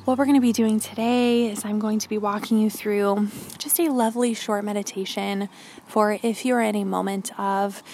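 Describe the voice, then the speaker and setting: Woman podcast host, informal and encouraging intro delivery, mid-pitched with vocal fry. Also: darkish tone, a little hiss or hum. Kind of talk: friendly direct-address podcast introduction.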